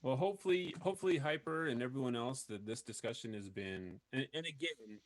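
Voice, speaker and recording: A man's voice: medium pitch, lively intonation, fairly quick, no echo. A man hosting a podcast, talking earnestly and rambling with many fillers in casual chat. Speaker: podcast host.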